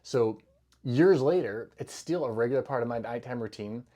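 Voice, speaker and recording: At a moderate pace and ordinary pitch, a middle-aged man casually explains health habits to camera, wandering between points. His delivery is loose and conversational, full of fillers, restarts and self-corrections, much like a clinician chatting one-on-one with a patient.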